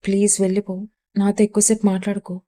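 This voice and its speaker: A woman's voice: mid-range voice, monotone, fast talker, warm tone, natural voice. A woman voicing a frightened young wife in an audio story, speaking tensely and faltering.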